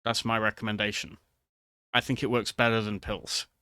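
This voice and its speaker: Low-voiced man rambling haltingly, crisp dry sound. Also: little pitch movement, bright, forceful tone, no echo. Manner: hesitant, halting, trailing off mid-thought. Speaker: vtuber video creator. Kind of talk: casual rambling monologue to viewers.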